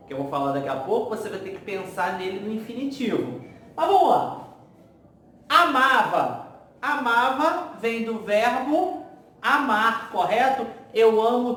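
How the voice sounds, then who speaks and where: A man's voice: sits high, fairly bright tone. Brazilian male teacher in an echoey room. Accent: Brazilian Portuguese. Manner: explanatory, repeats "tá?" to check understanding. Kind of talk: grammar lesson for exam prep. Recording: very echoey room, faint ambient noise.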